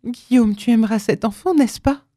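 Lightly acted and recorded dry at studio quality, a woman's slightly mellow voice at medium pitch keeps a moderate pace and fairly even intonation. She plays a tender elderly mother in a read-aloud story, begging her son with fervent, imploring urgency.

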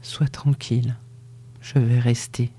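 An audiobook reader voicing a grief-stricken young man at a deathbed, speaking in a hushed and shaken way. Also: medium pitch, little pitch movement, slow pace, slightly rough, dry recording, pitched below the performer's own voice. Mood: grieving. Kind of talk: audiobook reading.

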